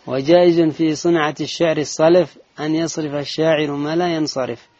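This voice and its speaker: A man reading a religious text aloud in a lesson, in a measured recitation with brief asides. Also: fairly high pitch, steady tone, a little mellow, no echo. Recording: dull lo-fi dry recording.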